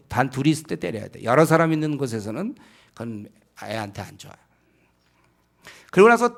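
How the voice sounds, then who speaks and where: A male pastor delivers a practical sermon to his congregation. His voice sits a little high for a man and has a gravelly edge. He is emphatic and keeps putting rhetorical questions to his listeners. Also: fairly bright tone. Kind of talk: sermon lecture on child-rearing.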